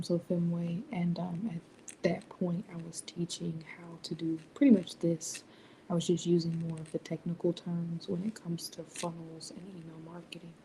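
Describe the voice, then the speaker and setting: A young woman hosting a late-night livestream, speaking softly and half whispering so she won't wake the house. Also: fairly low pitch, slight background noise, low-quality recording. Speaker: livestream host, business founder. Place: home at night, others asleep.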